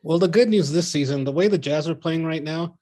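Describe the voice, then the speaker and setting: Casual male co-host, slightly high voice. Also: brisk, darkish tone. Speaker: podcast co-host and moderator. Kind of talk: casual sports podcast chat.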